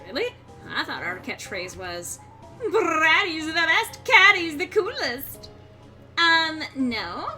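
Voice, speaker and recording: A woman's voice: mid-range voice, very animated, slow pace, few pauses, bright, forceful tone, soft background music, full character voice. A woman voicing a bubbly, ditzy, gossipy sorority-girl monster with a Valley Girl accent. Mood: excited, teasing.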